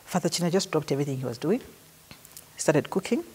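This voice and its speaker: Woman, Zambian accent, middle-aged, deep voice, chatty storyteller. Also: animated, fast, darkish tone, breathy edge. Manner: chatty storyteller who acts out quoted dialogue. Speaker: interviewee paying tribute. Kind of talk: casual anecdotal recollection.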